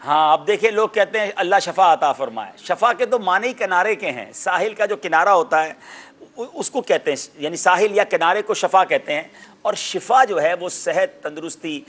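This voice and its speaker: A man hosting a televised quiz with a high, bright, forceful voice. He is lively and teacherly, explaining how words should be pronounced, and he gets loud when he announces a correct answer. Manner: explains word pronunciations like a teacher. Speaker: quiz show host.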